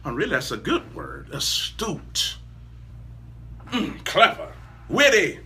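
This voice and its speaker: Animated, bright-voiced preacher man. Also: on the high side, moderate pace, vocal fry. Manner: emphatic, rising to shouts and laughing asides. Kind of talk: sermon.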